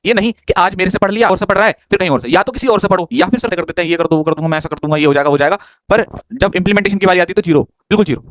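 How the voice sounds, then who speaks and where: A man's voice: high-pitched, very fast, few pauses, no room sound. A man teaching an online exam-prep grammar class in a chatty way, joking with and scolding his students, speaking English.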